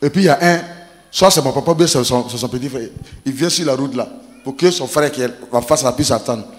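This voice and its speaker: A man preaching, telling funny family stories with laughter and animated delivery. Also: mid-range voice, fast, long reverb tail. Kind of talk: humorous sermon storytelling.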